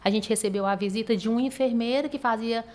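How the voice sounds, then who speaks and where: Calm, measured woman nurse. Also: on the high side, slight background noise. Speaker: stomatherapy nurse guest. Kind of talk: interview storytelling.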